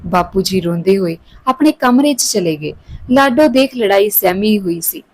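A woman narrating a family story in a steady, even reading voice. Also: mid-range voice, normal speed, poor audio.

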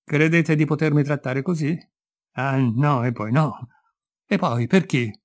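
A man voicing a fierce older female servant who shouts accusations in a raised, shrill voice while reading a story aloud. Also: lively intonation, moderate pace. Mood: furious.

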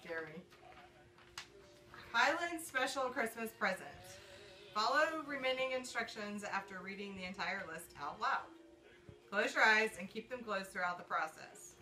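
A woman's voice: medium pitch, animated, measured pace, bright, forceful tone, faint music behind, rough recording. A woman reading instructions aloud and breaking into giggles as she goes. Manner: breaks into laughter while reading.

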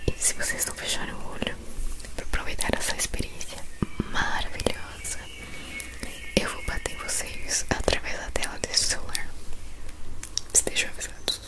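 A young Brazilian woman whispering ASMR to the listener in a drawn-out, coaxing, playful way. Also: very echoey, far from the mic, rough recording. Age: young adult. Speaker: ASMR host. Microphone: sensitive stereo recorder, moved from side to side.

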